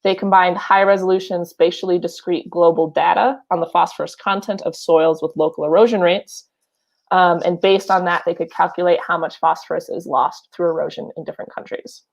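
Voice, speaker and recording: A woman's voice: fairly low pitch, steady tone, a little fast, vocal fry. A woman with a Wisconsin accent, co-hosting a podcast and reading news articles aloud with casual, filler-heavy asides. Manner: chatty, many fillers and asides. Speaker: podcast co-host.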